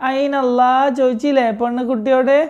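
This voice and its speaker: A woman teaching a religious story to children, patient and slow, asking them questions and repeating the answers. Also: sits high, little pitch movement, darkish tone, muffled recording.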